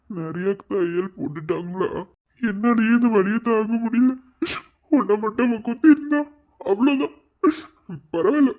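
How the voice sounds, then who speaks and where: Role: woman playing hurt young husband, Madurai Tamil accent, pleading and sobbing, lo-fi dull recording. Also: mid-range voice. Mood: pained. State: in pain. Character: young husband, wounded, tearful and scared. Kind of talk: amateur cartoon voice acting.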